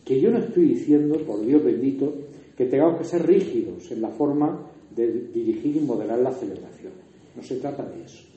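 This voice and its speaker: A man's voice: mid-range voice, lively intonation, normal speed, mellow. A man from Murcia with a Murcian Spanish accent, giving a conversational lecture on liturgy to a workshop group, explaining with examples and asides. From Murcia, Spain. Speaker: liturgy trainer. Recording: echoey hall, distant mic, dull sound.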